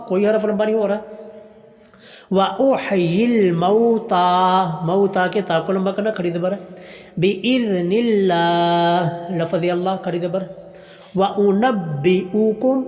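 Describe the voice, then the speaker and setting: A man teaching Quran pronunciation, chanting verses slowly and melodically, then explaining each letter quickly in plain speech. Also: high voice, a little mellow, long reverb tail. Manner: slow melodic recitation alternating with quick explanation.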